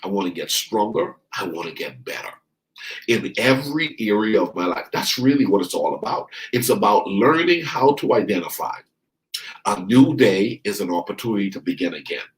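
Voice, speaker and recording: A man's voice: fairly low pitch, expressive, low-quality recording. Emphatic man preaching a motivational sermon. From Bahamas. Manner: emphatic, repeats lines for stress, draws out key words slowly; addresses listeners directly. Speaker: life coach and preacher.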